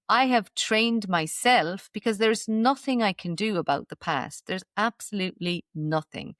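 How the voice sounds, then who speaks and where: In clean studio sound with no room tone, a woman with a lowish, fairly bright voice is interviewed on a podcast. She reflects earnestly on mind-body healing, often tacking on "right?" to check in.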